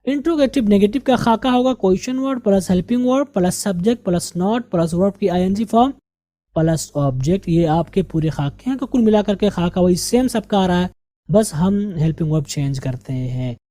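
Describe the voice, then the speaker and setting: A woman teaching English with an Indian Urdu-speaking accent, her voice mellow and dark. She goes through words at a slow, deliberate pace and repeats each one for pronunciation. The recording is close and dry. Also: mid-range voice, animated, dry recording. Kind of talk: grammar and vocabulary lesson.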